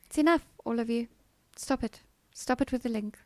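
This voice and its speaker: A woman live streamer chats casually with her viewers in a soothing voice that is on the high side, at a moderate pace, in a dry recording. She answers comments playfully, then breaks into firm, repeated no's.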